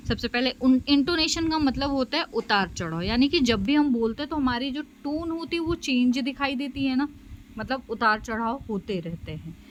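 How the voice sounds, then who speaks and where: A woman's voice: on the high side, slight background noise, rough recording. Woman lecturing with frequent check-ins. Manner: explanatory, frequent fillers and "theek hai" checks. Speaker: special education teacher. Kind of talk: online lecture explaining slides. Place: home.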